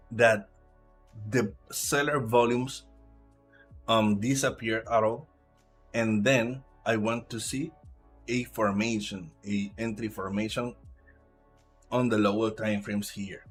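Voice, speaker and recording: A live trader from Puerto Rico, a man whose first language is Spanish and who has a Puerto Rican Spanish accent, gives halting commentary as he reads the chart aloud. His voice is mid-range, with faint music in the background.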